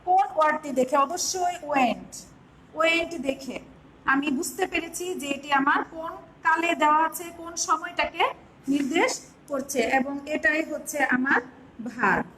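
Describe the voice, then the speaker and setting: Woman, Bangladeshi accent, teacher, high pitch, slow step-by-step explaining, faint background noise. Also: a bit bright, rough recording. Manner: explains step by step, spells words out slowly. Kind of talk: online class lesson.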